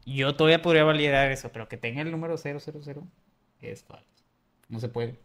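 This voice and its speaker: A man's voice: a little high, quick pace, fairly bright tone. A man, co-hosting a casual podcast, reasoning things through skeptically. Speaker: podcast co-host. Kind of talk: casual chat.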